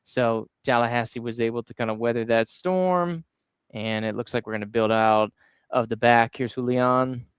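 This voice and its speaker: A man hosting a casual sports podcast, walking through match highlights play by play with an upbeat, chatty manner. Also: normal speed, clear, resonant tone, no room sound, studio quality. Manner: upbeat play-by-play walkthrough of goal clips. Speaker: podcast host. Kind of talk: casual sports recap chat.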